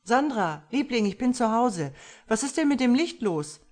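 A panicked man, voiced by a woman reading a thriller audiobook, his voice cracking high and loud. He shouts in shrill hysteria. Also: expressive, normal speed. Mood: calling anxiously. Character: panicked man finding his murdered lover.

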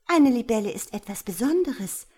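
A woman's voice: on the high side, animated, moderate pace, mellow, husky, voice pushed up. Woman voicing a vain dragonfly spirit. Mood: offended. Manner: lofty, self-praising.

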